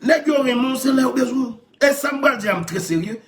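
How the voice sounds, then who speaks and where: A man with a Haitian Creole accent telling stories in animated chat, laughing often and repeating his phrases. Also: very high-pitched, moderate pace, a little hiss or hum.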